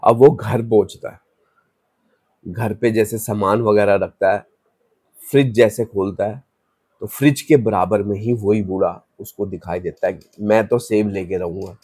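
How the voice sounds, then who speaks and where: Low-voiced man telling a ghost story. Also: measured pace, darkish tone, husky, dry recording, studio quality. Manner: loose, conversational retelling with restarts. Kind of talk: casual spoken horror story.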